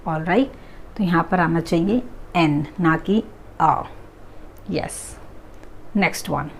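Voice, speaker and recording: A woman with a fairly low voice gives an English grammar lesson at an unhurried pace. She stretches out each example phrase so it can be repeated. Her delivery is patient and deliberate. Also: vocal fry, a little hiss or hum. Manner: slow, drawn-out example phrases. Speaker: English teacher.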